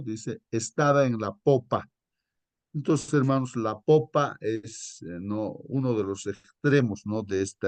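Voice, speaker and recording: A man leading a Bible study for his congregation in a conversational way, repeatedly addressing them as brothers and reading verses slowly and deliberately. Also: on the low side, darkish tone, no room sound. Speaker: Sabbath school lesson leader.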